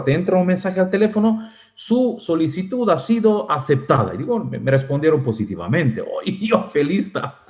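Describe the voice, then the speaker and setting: A man's voice: fairly high pitch, a little mellow, muffled recording. A man who is a pastor, preaching a sermon in a conversational, storytelling way and laughing often.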